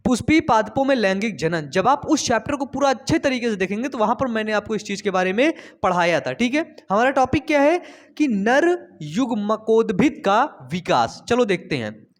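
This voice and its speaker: A man's voice: high-pitched, sing-song, normal speed. A young man teaching a biology lesson in a chatty, coaxing way, repeating key terms and asking his students questions. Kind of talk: Hindi classroom-style lesson.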